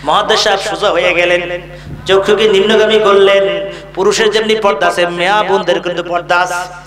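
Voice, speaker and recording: Brief: high-voiced male preacher with a Bangladeshi accent, shouting and sing-song chanting, working the crowd; echoing mass outdoor sermon. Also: fairly even intonation, a little fast. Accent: Bangladeshi Bengali. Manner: chants scripture verses in a sung tone, shouts, calls for crowd replies. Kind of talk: fiery sermon at a religious gathering. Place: large religious gathering. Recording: echoey gathering with a crowd.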